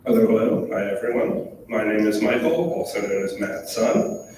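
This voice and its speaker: A young man introducing his research to a panel, relaxed with a light joke. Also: fairly low pitch, normal speed, background noise. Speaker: student panelist. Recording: echoey hall from far off.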